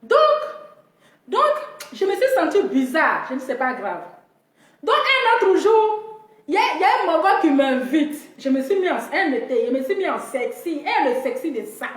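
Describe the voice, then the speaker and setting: Woman from africa, comic storytelling, high voice, echoey room. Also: normal speed. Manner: animated, mimics other people in high squeals. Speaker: comedian telling a story.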